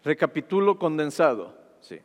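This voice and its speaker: A man's voice: on the high side, sing-song, normal speed. Man preaching in an echoing hall. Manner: asks the congregation "¿sí?" constantly, retelling scripture with rising fervor. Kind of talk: sermon. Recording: long hall reverb.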